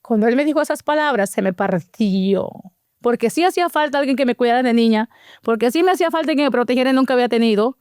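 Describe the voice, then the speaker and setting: A middle-aged woman, an interview guest, talks fast in a slightly high, clean voice while animatedly telling her life story. She acts out the quoted dialogue, and the recording has a clean studio sound with no room sound.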